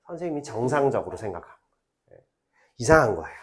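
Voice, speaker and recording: A middle-aged man teaching a high school literature class, chatty and animated, acting out quoted lines in between. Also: very fast. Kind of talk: lecture to high school students.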